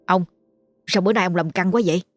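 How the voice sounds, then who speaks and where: A woman's voice: fairly low pitch, quick pace, no room sound, faint music behind, natural voice. A woman voicing a nosy, deferential young male servant. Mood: curious. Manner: confiding, deferential.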